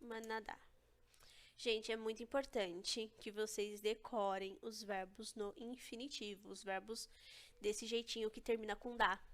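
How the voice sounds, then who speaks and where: A woman's voice: a little high, a bit bright. A young woman teaching an online language lesson, explaining step by step and checking in with her students often. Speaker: Korean teacher.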